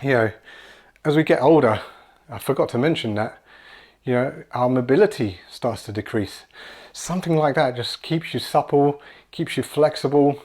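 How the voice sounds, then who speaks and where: This is a relaxed, encouraging home-workout session led by a fitness coach in his forties, who shows each exercise in a small room with kids' toys around. He speaks at an average middle pitch, sometimes slightly breathless, restarting phrases and repeating words.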